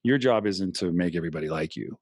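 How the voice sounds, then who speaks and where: Deep-voiced man in lively podcast chat. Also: fast, no echo, studio quality. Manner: animated, talks in long stretches, acts out quotes. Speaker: podcast guest, former radio host. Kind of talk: casual interview chat.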